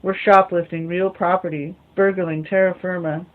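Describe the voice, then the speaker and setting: A woman's voice: lowish voice, fairly even intonation, moderate pace. Woman reading a novel aloud, lo-fi. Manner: mutters asides to herself between passages. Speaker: reader. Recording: phone-like lo-fi recording.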